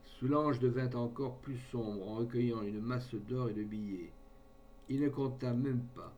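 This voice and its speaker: Male audiobook reader, measured. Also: medium pitch, mellow, highs cut off, slight background noise. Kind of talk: scripted narration of a classic novel.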